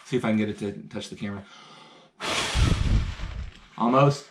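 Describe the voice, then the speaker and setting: Heavy background noise surrounds a man's lowish voice, which moves at a moderate pace. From indoors at home, he live-streams a science lesson, chatty and enthusiastic as he explains his hands-on experiments step by step.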